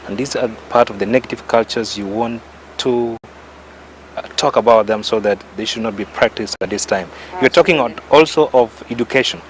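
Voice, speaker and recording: A man's voice: mid-range voice, moderate pace, a little hiss or hum, low-quality recording. A man hosting a radio interview, asking long, winding questions with emphatic stresses. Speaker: radio host.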